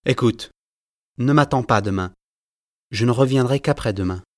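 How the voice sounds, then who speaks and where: A reader voicing Marius, a proud, earnest young lover. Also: male voice, mid-range voice, moderate pace, no echo, studio quality, close to an everyday voice. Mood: resolute. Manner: earnest, heartfelt delivery. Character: earnest poor young man, passionate and proud. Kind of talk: dramatized reading of a classic novel.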